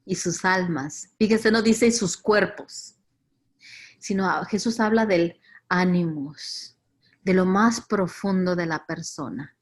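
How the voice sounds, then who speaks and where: A woman's voice: fairly low pitch, slow pace. A woman with a Latin American Spanish accent leading a virtual faith formation talk, reflective, repeating words and stressing key ideas. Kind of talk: virtual teaching reflection on scripture.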